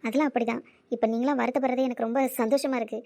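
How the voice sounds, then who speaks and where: A woman voicing a quiet, guilt-ridden young wife who speaks in a low, sorrowful way. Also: fairly even intonation, rapid-fire, creaky.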